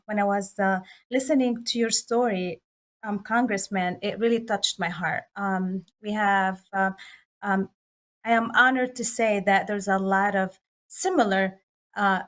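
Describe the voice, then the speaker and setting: A woman in her forties from Lebanon, an Arabic speaker, speaking sincerely and a little haltingly as a nonprofit director at a town hall. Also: medium pitch. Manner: sincere, hesitant, many fillers. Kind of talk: prepared remarks on a telephone town hall.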